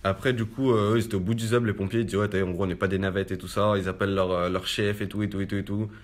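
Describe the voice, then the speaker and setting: A man's voice: on the low side, little pitch movement, rapid-fire. A young man casually recounting a personal ordeal in street slang, filling his speech with "en gros". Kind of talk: casual spoken testimony.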